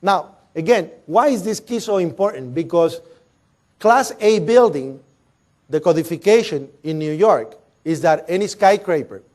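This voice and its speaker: A middle-aged man, a former janitor, giving emotional eyewitness testimony and acting out the sounds and shouts he heard. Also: high-pitched, a little slow. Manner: animated storytelling that acts out sounds and shouts. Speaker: former building janitor recounting his experience.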